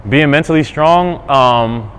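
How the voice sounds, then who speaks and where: A man's voice: mid-range voice, slow. Chill guy from california chatting about hoops, lots of ums, faint noise in the background. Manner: relaxed, easygoing, many fillers and restarts. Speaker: basketball player guest. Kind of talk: casual interview while shooting around. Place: indoor basketball court.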